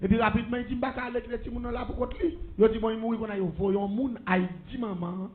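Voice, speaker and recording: A man's voice: very high voice, steady tone, quick pace. A man with a Haitian accent, preaching a sermon as a testimony and calling out blessings to the congregation. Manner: storytelling preacher with call-and-response blessings. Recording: muffled lo-fi recording.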